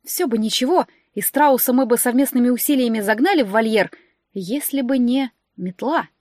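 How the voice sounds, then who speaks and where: A woman's voice: normal speed, dry recording. Woman narrating a story, dry close sound. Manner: animated, raises pitch and volume for dialogue. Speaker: audiobook narrator. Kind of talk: storytelling narration with character voices.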